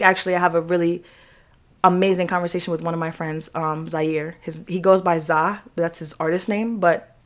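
A woman hosting her own podcast, talking casually and earnestly, repeating phrases for emphasis. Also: fairly low pitch. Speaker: podcast host. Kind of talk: casual solo podcast talk.

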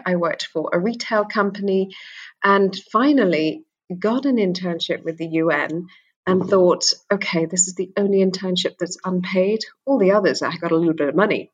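A middle-aged, England-born woman with a lowish, slightly rough voice is a guest in a conversational interview, heard on a lo-fi recording. She speaks candidly and earnestly, often repeating words as she begins a thought.

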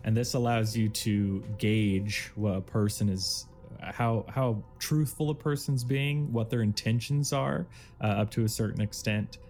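A man runs a tabletop adventure as dungeon master, narrating casually with plenty of ums and likes. His voice sits a little low. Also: fairly even intonation, unhurried, darkish tone, soft background music.

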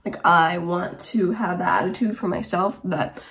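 A woman's voice: fairly low pitch, moderate pace, fairly bright tone. A nineteen-year-old woman from Romania hosting her own podcast, chatting casually and rambling with lots of "like" and asides. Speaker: podcast host. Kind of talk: casual solo podcast chat.

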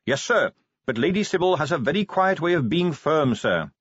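A male narrator plays an earnest young watch captain in a fantasy audiobook. His voice is pitched higher and stays polite and straightforward, with lively inflection. The recording is a little dull. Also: moderate pace, breathy edge, dry recording. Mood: dutiful, apologetic. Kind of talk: audiobook character voice.

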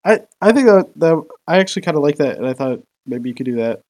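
A man's voice: fairly high pitch, lively intonation, fast talker, darkish tone, no echo. A man co-hosting a casual game chat, rambling with many fillers and restarts. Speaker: podcast co-host.

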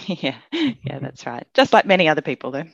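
A woman's voice: sits low, sing-song, moderate pace, creaky, dry recording. Upbeat woman on a dull, dry call line. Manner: upbeat, laughs easily, frequent ums. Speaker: guest, company managing director. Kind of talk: conversational interview. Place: Melbourne, Australia.

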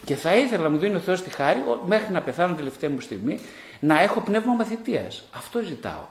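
A man's voice: high voice, sing-song. A middle-aged man, a psychologist and author, giving a live talk to an audience, repeating short phrases and asking rhetorical questions. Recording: echoey room.

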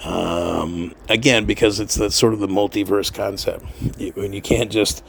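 A man's voice: on the low side, steady tone, normal speed, creaky, slight background noise. A middle-aged man talking in a casual, rambling monologue, swearing freely and laughing often. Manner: profane, digressive, laughs often. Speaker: podcast host.

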